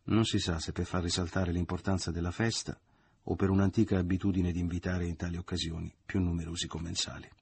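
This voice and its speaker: A man reading a literary novel aloud in a measured storytelling manner. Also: low-pitched, flat delivery, creaky, darkish tone, breathy edge. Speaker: audiobook reader. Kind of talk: literary audiobook narration.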